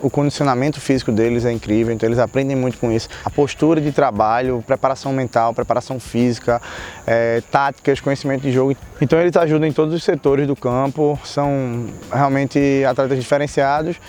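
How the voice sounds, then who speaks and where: A man from the team's staff, explaining in an interview in a brisk way. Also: mid-range voice, fairly even intonation, a little mellow, slight background noise. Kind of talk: interview commentary.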